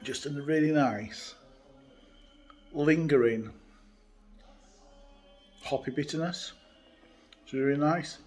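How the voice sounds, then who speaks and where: A man with a fairly high voice talks slowly, leaving long pauses, while soft music plays behind him. He's hosting a casual beer review, chatting in a relaxed way with lots of "uh" fillers, recorded up close on a phone or webcam by a window in a hotel room.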